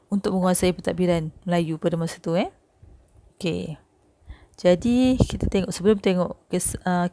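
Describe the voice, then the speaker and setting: A young woman with a Malaysian accent giving a recorded history lesson, chatty and peppering her points with quick "okay" and "eh" checks. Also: fairly low pitch, dark tone, no room sound. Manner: chatty, with frequent "okey", "eh" and "ha" checks. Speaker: history teacher.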